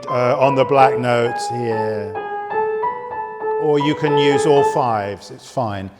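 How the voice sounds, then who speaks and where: A man giving a piano lesson, explaining patiently and counting fingers aloud as he demonstrates in a very resonant room. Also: mid-range voice. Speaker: piano teacher. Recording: long room reverb with loud piano. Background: piano playing.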